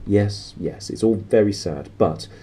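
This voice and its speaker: Stern older lady professor played by a man, brisk, hushed, restrained, storybook style. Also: on the low side, close to an everyday voice. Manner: hushed, hissing, whispering.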